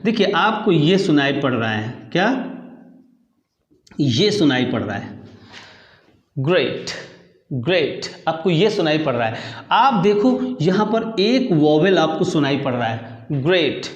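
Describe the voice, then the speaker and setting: A man's voice: fairly high pitch, big pitch swings, unhurried, highs cut off. A man teaching an English grammar lesson, repeating key words and putting questions to his students. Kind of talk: classroom lecture in Hindi. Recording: echoey room.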